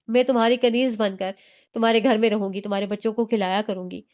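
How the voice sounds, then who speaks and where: A woman's voice: on the high side, fairly even intonation, darkish tone, close to an everyday voice. A woman reading the part of a persuasive young woman who coaxes her friend to leave her husband. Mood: coaxing. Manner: coaxing, insistent.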